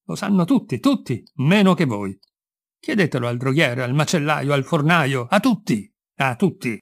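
A man voicing a fierce older female servant who shouts accusations in a raised, shrill voice while reading a story aloud. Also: expressive, moderate pace. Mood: furious.

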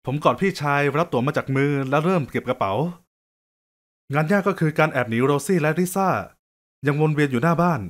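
Lively man narrating a story. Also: a little high, fairly quick. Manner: lively, joking, conversational. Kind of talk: scripted first-person narration.

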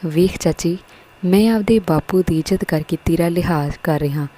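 A woman's voice: fairly low pitch, moderate pace, mellow, natural voice, rough recording. A woman voicing a young village man giving a restrained warning.

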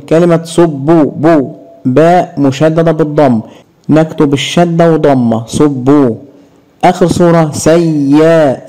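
A man with an Egyptian Arabic accent teaching a grammar lesson, slowly stretching out syllables to demonstrate sounds. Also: medium pitch, mellow, low-quality recording.

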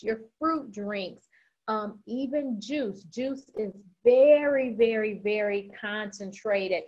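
A woman's voice: fairly high pitch, a little mellow. A woman dietitian giving an informal talk on healthy eating, chatty and full of "um" fillers. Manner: chatty, many "um" fillers, says she is talking fast. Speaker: registered dietitian presenter. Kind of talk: informal nutrition presentation. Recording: slightly dull lo-fi online meeting audio.

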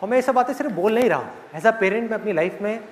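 A man's voice: high voice, lively intonation, fast talker, long reverb tail, a little hiss or hum. A man giving a conversational motivational talk to a live audience, often putting questions to the listeners. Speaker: motivational speaker. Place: large hall with audience.

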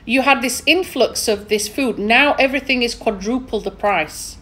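A woman's voice: fairly high pitch, moderate pace, sharp tone. A woman with a thick Yorkshire accent, hosting a casual interview in a chatty, opinionated, emphatic way. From England. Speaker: podcast host.

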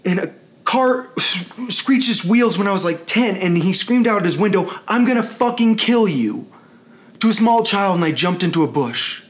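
A man's voice: high voice, animated, moderate pace. A man talking to the camera in a rambling, profane and emotionally charged rant. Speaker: vlogger. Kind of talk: ranting video monologue.

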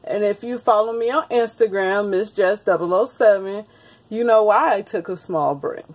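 A woman's voice: mid-range voice, moderate pace, a little mellow. A woman in her thirties chatting casually to her viewers in a vlog, laughing often, recorded on a phone held close in a small room. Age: 30s. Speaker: vlogger. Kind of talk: casual chat to camera. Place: small indoor room with wood panelling. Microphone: phone camera held close.

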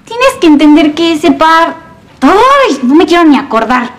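A woman's voice: very high-pitched, sing-song, a little slow, heavily acted. An actress playing a dramatic, self-important teenage schoolgirl in a TV sitcom, with a Mexican accent. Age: teens. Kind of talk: television teen sitcom acting.

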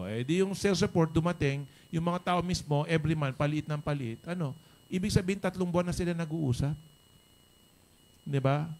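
A man giving a motivational talk to his business members, mixing in rhetorical "no?" and "right?" asides. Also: high-pitched. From Philippines. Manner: animated, code-switching, rhetorical "no?" and "tama?" asides. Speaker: business leader speaking to members.

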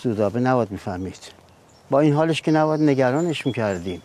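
A man's voice: medium pitch, animated, darkish tone, lightly acted. An actor playing a stern, authoritative older father who speaks in a firm, reproachful way. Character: stern, authoritative family patriarch.

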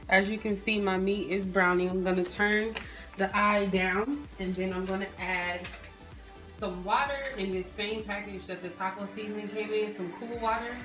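A woman's voice: mid-range voice, steady tone, measured pace, over music. A woman, chatting casually as she walks viewers through a recipe in her home kitchen, recorded on a phone camera. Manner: chatty, addresses viewers as "you guys" and "y'all", frequent "um". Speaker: cooking vlogger. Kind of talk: casual cooking tutorial narration. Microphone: phone camera at the stove.

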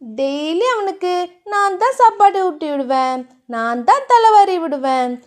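A woman's voice: expressive, a little slow. A woman voicing an innocent, playful young heroine in a romance audiobook, with a childlike, cheerful way of speaking. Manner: childlike, cheerful, high and sing-song.

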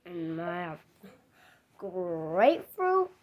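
A woman's voice: on the low side, very animated, very slow. A woman hosting her own channel, chatting casually and rambling in slang as she narrates her play. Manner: rambling, slangy, says "bro". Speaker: channel host.

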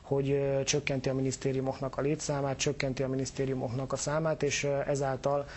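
Official guy on a tv interview, lots of ums, flat delivery, slight hiss. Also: mid-range voice. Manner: hesitant, many filler sounds. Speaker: government official guest. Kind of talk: TV interview answers.

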